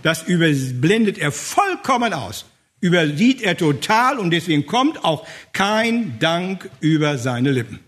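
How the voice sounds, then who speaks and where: Husky, high-voiced emphatic preacher man. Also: sing-song, measured pace, fairly bright tone. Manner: emphatic, repeats phrases for weight. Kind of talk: sermon.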